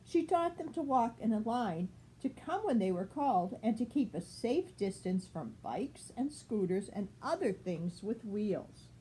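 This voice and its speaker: An older woman, a grandmother, reading a children's picture book aloud with expressive, deliberate phrasing. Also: a little high, a little hiss or hum, low-quality recording.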